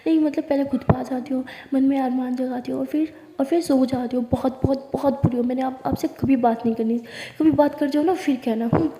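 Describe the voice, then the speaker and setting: A sulky, bossy young woman teases her lover in whispered role-play, as a woman storyteller acts her out. The tone is dark and gravelly and pitched high. Long reverb trails every phrase. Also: fairly even intonation, a little fast. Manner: sulky, teasing. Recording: roomy reverberant echo.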